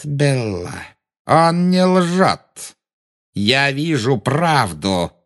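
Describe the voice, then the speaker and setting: Man doing cold, slow dark lord Voldemort. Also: mid-range voice, voice pushed up. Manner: slow, quiet and menacing, silky. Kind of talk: audiobook reading.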